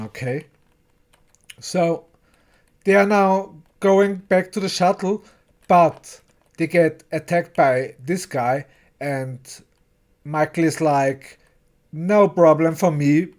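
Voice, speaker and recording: An English-speaking TV episode reviewer gives a casual recap and review, talking slowly in a medium-pitched, darkish voice. He's chatty but stumbles and repeats words, and he acts out the characters' lines.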